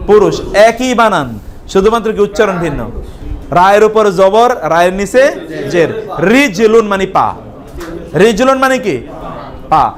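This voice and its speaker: A man with a Bangladeshi accent teaching a live Arabic class, explaining slowly and repeating each word for his students to answer. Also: sits high, sing-song.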